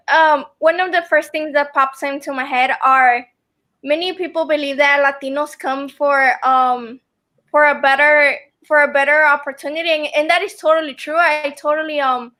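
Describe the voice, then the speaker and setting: A young woman whose family is from El Salvador and whose first language is Spanish joins a video call as a student guest from a room at home. Her voice is high, bright, and forceful, and she speaks earnestly with many ums.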